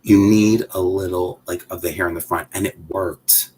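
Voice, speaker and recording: A man vlogging casually at home, rambling and excitable, often breaking off mid-thought. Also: sits low, normal speed, slight background noise, rough recording. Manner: rambling, excitable, self-interrupting. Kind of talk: casual chat while handling a doll.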